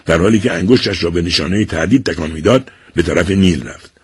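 Husky-voiced male audiobook narrator. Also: low voice. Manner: measured storytelling. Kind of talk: scripted narration.

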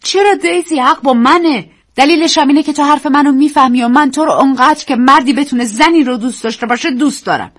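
A woman reading a story, voicing an earnest man in love who pleads quietly and tenderly. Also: sits high, voice pushed up, natural voice. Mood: insistent.

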